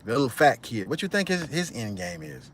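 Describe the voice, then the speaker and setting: A man hosting a livestream, chatting with viewers and retelling a movie plot as a rambling, animated storyteller. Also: mid-range voice, fairly quick, a little hiss or hum. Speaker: channel host. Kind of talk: livestream commentary reading chat.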